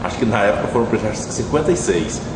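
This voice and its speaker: Man, middle-aged, low-ish voice, reflective oral-history talk, far from the mic, echoey room, air conditioning hiss. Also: lively intonation. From Brazil. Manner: measured, reflective, with frequent tag questions. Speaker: interviewee. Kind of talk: recalling past events, oral history. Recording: distant, echoey, noisy room.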